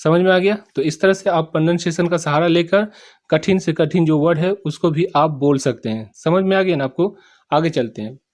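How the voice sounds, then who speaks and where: Man, English teacher, fairly high voice, explains in Hindi, sounds out words letter by letter, asks if you understood. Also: a little mellow. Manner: repeats each sentence slowly, checks "samajh mein aa gaya?".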